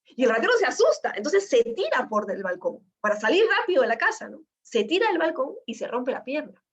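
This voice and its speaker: A woman teaching an online law class. She explains with lively examples and often adds tag questions. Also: high voice, fairly quick, husky. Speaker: law lecturer. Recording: dull lo-fi online class audio.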